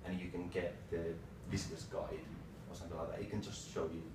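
A man in his thirties giving an informal tech lightning talk in short, halting phrases. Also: sits low, level tone. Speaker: tech presenter, developer. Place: small meeting room, indoors. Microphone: far camera microphone. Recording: roomy, distant mic with clear background noise.

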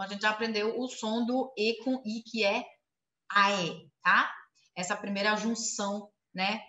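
A woman teaches German pronunciation at an unhurried, careful pace, stretching out each sound. Her voice is bright and a little high. The room around her is echoey. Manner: slow, drawn-out demonstration of sounds with frequent check-ins. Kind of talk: pronunciation lesson.

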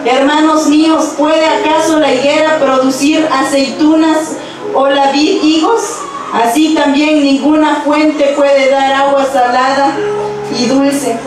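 A young woman preaching a sermon at a church pulpit with a handheld mic, reading scripture verses aloud in a steady, measured way. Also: sits high, over music. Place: church stage with pulpit and instruments. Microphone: handheld microphone. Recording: very echoey church hall, from far off.

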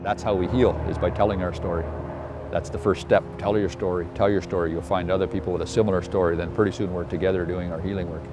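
A deep-voiced man sits on the grass outdoors and talks through his thoughts slowly, often stopping to gather them. A clear music bed runs under his voice. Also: fairly even intonation. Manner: slow, thoughtful, many pauses. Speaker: interviewee. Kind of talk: reflective interview talk. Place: park lawn, outdoors.

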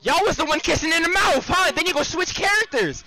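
A man's voice: extremely high pitch, expressive, brisk, crowd noise. A man streaming a virtual reality game, scolding and lecturing the other players in casual banter, repeating himself and talking over them.

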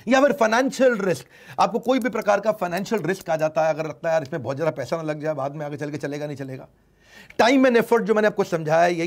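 A man giving an informal business lecture in a lively, emphatic way, now and then acting out what customers say. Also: on the high side. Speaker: business teacher.

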